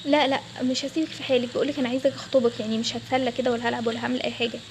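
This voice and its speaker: In a toy role-play story, a woman with an Egyptian Arabic accent uses her natural, slightly high voice to play a pushy, nosy young man who is the manager's son. Her rapid-fire delivery has little pitch movement, there's background noise, and the character pleads and keeps pestering a coworker.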